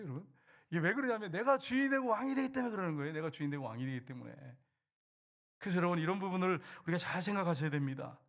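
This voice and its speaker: A middle-aged man preaching a sermon as pastor in a church, swinging from raised declarations to hushed low asides. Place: church sanctuary.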